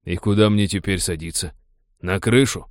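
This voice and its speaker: A man voicing a brisk, practical male ship captain. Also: low-pitched, no room sound, natural voice.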